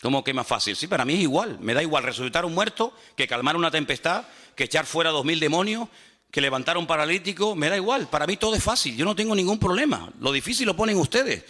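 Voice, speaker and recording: A man preaching a lively sermon as pastor, animated and humorous, using repetition, rhetorical questions and acted-out dialogues. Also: on the high side, fast talker.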